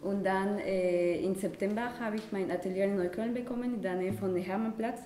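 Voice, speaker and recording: A woman painter chatting in an interview, halting with many fillers. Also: mid-range voice, fairly even intonation, warm tone. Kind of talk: casual interview chat. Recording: roomy room with music behind.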